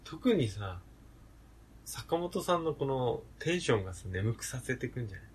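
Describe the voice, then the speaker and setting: A man's voice: medium pitch, big pitch swings, normal speed, slight background noise. A man co-hosting a casual after-work chat, talking with a slight lisp in a playful, teasing way. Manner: slightly lisping, tongue-tied speech. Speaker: podcast co-host, junior colleague.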